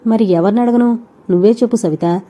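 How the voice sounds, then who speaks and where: Woman reading as a young man, gentle and pleading, slightly lowered, dark mellow tone, storybook audio novel. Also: moderate pace, natural voice. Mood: coaxing.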